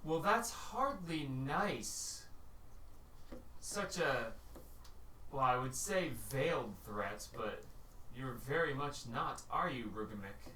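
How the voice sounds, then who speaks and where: A man's voice: mid-range voice, lively intonation, slow pace, bright, forceful tone. Man voicing an unearthly, taunting unseen being. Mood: mocking, drawn-out. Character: unseen echoing taunting being, smooth and mock-polite. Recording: roomy, distant mic, faint noise.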